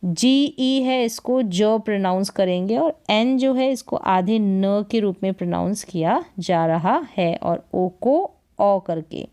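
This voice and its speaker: A woman leads a phonics lesson at a very slow, deliberate pace. She breaks each word into its sounds, poses a question and answers it herself. Her voice is smooth and clear, with a mid pitch. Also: mellow. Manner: sounds words out syllable by syllable, asks and answers herself. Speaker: English reading teacher.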